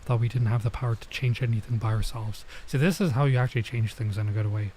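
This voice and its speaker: A streamer does a casual let's play of a visual novel, reading the text aloud and commenting along the way. His medium-pitched voice has a darkish tone, and he halts when sounding out foreign words. There is slight background noise.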